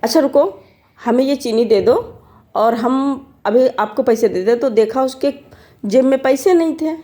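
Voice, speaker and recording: A woman storyteller telling a folk tale to children, often pausing to ask her listeners questions. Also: sits high, dark tone. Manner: asks listeners questions as she tells.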